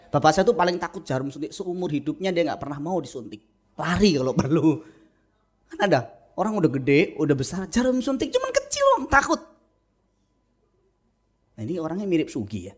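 A middle-aged man, a pastor, preaching a humorous sermon in a church, telling stories with lively acted-out quotes. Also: a little high, husky. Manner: animated storytelling with acted-out quotes. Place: church sanctuary.

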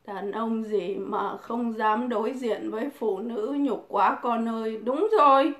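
A woman's voice: fairly high pitch, slow pace, a bit bright. A woman, crudely taunting and cursing in a mocking livestream rant. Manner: mocking, provoking, swears constantly. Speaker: livestream host. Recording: echoey room.

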